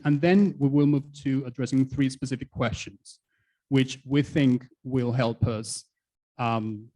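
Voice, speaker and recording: A man moderating a conference plenary in a mid-pitched voice. He talks casually and hesitantly, filling gaps with ums as he lays out the plan. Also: mellow, rough recording. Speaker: panel moderator. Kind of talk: conference panel introduction. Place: conference hall.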